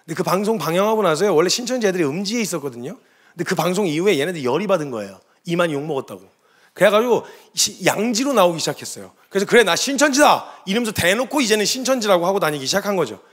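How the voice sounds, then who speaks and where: High, animated male preacher. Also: racing. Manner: animated storytelling, shouting acted quotes. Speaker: missionary preacher. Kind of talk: sermon testimony.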